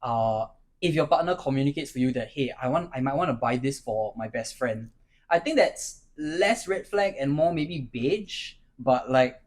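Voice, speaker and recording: A man in his late twenties with a Singaporean English accent, a panelist in a casual group discussion who talks in a measured way and thinks aloud with hedges. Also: mid-range voice. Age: 20s.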